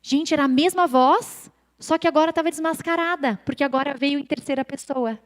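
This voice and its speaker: A woman with a Brazilian accent gives a chatty, animated faith testimony to a live church audience and often turns to speak to them directly. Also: high voice, fairly quick, long reverb tail. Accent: Brazilian Portuguese. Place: church event stage.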